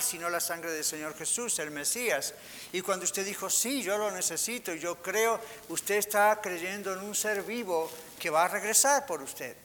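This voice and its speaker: A man's voice: high-pitched, bright, forceful tone. A man preaching a sermon as pastor, asking the congregation rhetorical questions. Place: church hall. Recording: hall reverb with faint hiss.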